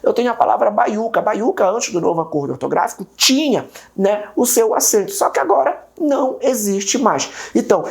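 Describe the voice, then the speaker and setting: A woman's voice: medium pitch, vocal fry, darkish tone. A Brazilian woman teaching an exam-prep grammar lesson, repeating each rule and asking and answering her own questions. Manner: repeats key rules, checks in with viewers.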